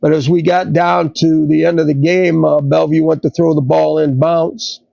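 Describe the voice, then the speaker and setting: Gravelly man, fairly high voice, halting storyteller, dull dry lo-fi sound. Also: flat delivery, dark tone, no room sound. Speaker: podcast co-host. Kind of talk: casual storytelling.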